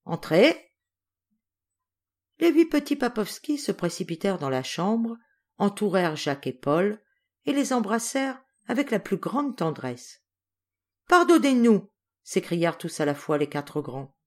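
A woman reading a children's classic aloud as an audiobook narrator, with expressive storybook narration. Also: mid-range voice, normal speed. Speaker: audiobook reader.

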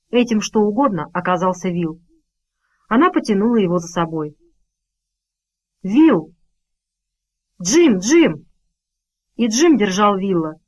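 A woman reading an audiobook as its narrator, in an expressive, dramatic style. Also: medium pitch, low-quality recording. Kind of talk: scripted narration.

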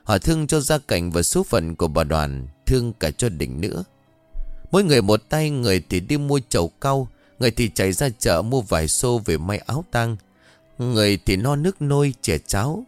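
A man with a low voice tells a story in a dramatic, scripted way, letting his pitch rise and fall widely. The sound is dry and close, with soft music underneath. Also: big pitch swings, normal speed, no room sound.

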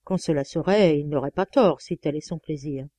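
A woman reading a first-person novel aloud, with lively, exclamatory storytelling. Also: deep voice, normal speed, dry recording. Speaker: audiobook reader.

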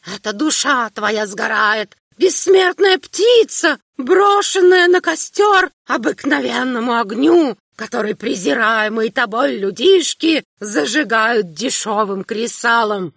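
A woman voicing an old, half-blind male emperor who rants and shouts in a quavering old man's voice, reading an audiobook. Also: a little high, expressive, vocal fry, no echo, studio quality, heavily acted. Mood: raving curse. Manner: ranting, shouting, drawn-out curses. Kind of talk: audiobook character voice.

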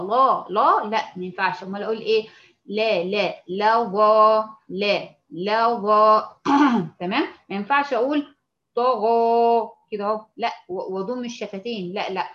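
A woman with an Egyptian Arabic accent teaching a Quran recitation lesson, patiently explaining and slowly demonstrating sounds. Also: medium pitch, dull audio. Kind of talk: tajweed lesson.

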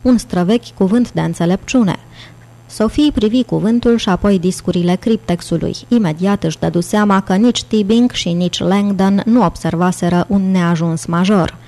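Mellow woman reading an audiobook. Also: mid-range voice. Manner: steady, measured reading. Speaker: audiobook narrator. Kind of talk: scripted narration.

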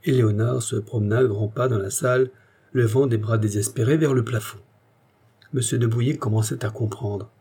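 A man reading a classic novel aloud in measured, expressive narration. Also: mid-range voice, breathy edge. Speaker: audiobook narrator. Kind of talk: scripted literary narration.

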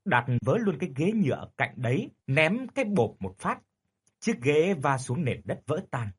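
A man's voice: fairly high pitch, big pitch swings, normal speed, slightly rough. A man narrating a horror story dramatically.

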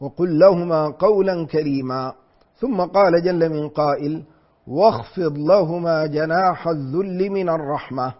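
A man teaching Quran exegesis in a deliberate lecture, repeating phrases and reciting verses slowly. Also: fairly high pitch. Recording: dull lo-fi recording.

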